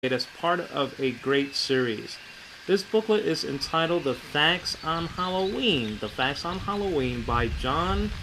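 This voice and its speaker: A man slowly reading from a booklet, pausing to spell out words letter by letter and stopping to say "it says over here.". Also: fairly high pitch, lively intonation, noisy background. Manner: repeats "it says over here" and fills pauses with "uh". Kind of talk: slow read-aloud commentary.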